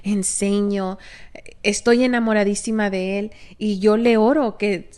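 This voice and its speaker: A woman co-hosting a podcast, telling a personal story in a candid, animated way and slipping English phrases into her talk. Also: medium pitch, a little slow, smooth. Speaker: podcast co-host, teacher of girls.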